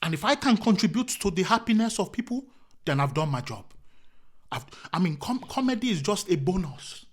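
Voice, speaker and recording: A man's voice: high voice, sing-song, fairly quick. A male comedian talking casually in an interview, earnest and repetitive, often asking himself rhetorical questions and calling the host "my brother". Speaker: comedian guest.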